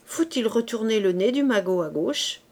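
Casting: a reader doing a calm court lady in an audiobook, measured and fairly high. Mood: dry. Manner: measured, cool and direct. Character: composed, shrewd duchess, a calm court lady. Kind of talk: audiobook reading.

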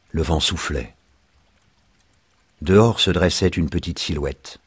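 A man narrating a story in a calm, measured audiobook reading. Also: sits low, breathy edge, no echo.

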